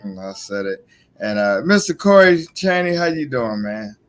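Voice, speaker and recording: A man's voice: mid-range voice, sing-song, moderate pace, a bit bright. A man hosting a casual live chat show in colloquial, teasing talk, speaking with a missing front tooth. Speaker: show host. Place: indoors at home.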